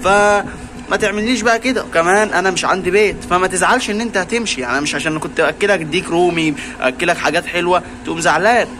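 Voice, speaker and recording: A man's voice: high-pitched, fast, background noise. A man with an Egyptian Arabic accent vlogging casually and teasing and coaxing his pet fox in a playful way.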